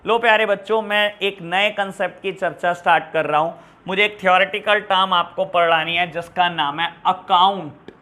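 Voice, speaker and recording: A man teaching an online accounts class, talking to his students in a fatherly way and repeating key terms as his voice swings between loud and soft. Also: high voice, fairly even intonation, moderate pace, few pauses. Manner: fatherly, calls students beta and pyare bachhon.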